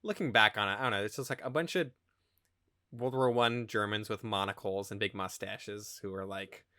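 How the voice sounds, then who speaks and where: A man's voice: fairly low pitch, fairly even intonation, normal speed, pushed and bright, no room sound, clean studio sound. A man co-hosting a podcast, wryly recapping a film in a loose, casual way with lots of "like". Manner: loose, wry recapping with "like" and quoted lines. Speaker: podcast co-host.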